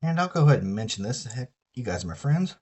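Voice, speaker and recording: Husky Southern man streaming a build. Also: mid-range voice, big pitch swings, fast talker, darkish tone. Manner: chatty, swears freely while soldering. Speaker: streamer building an electronics kit. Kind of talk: casual live-stream chat.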